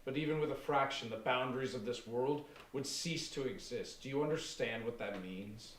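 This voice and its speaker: A man playing a calm, grandiose cult leader who speaks softly and with chilling composure. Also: lowish voice, normal speed, lightly acted. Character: calm, menacing middle-aged male cult leader. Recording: roomy and distant with faint noise.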